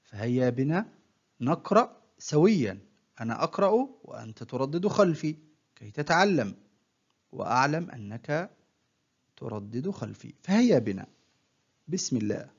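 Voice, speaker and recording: A man teaching children to read, spelling out words sound by sound in a slow, patient way and praising the learner often. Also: mid-range voice, big pitch swings, gravelly, husky, highs cut off. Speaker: primary school Arabic teacher. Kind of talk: recorded reading lesson for children.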